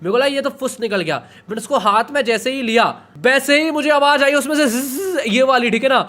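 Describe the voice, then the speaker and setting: A man's voice: extremely high pitch, a little fast, sharp tone. A man chatting casually while reacting to a video, telling anecdotes and peppering them with filler tags. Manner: chatty, keeps adding "okay?" tags. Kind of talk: casual chat.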